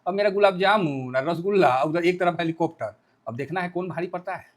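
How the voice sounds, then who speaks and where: High-voiced joking market commentator man. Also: a little fast. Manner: joking, colloquial, full of rhetorical questions; lively, playfully acts out the news. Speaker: stock market analyst.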